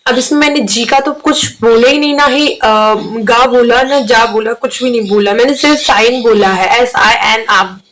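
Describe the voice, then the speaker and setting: A woman teacher, going through an exam revision lesson and explaining each word slowly. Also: on the high side, crowd noise, rough recording.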